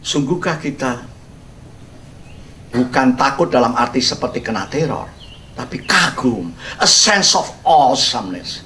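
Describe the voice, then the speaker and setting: An older man, a pastor, giving an expository sermon as a humorous, animated storyteller who sprinkles in English words. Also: medium pitch, unhurried, far from the mic, a little hiss or hum.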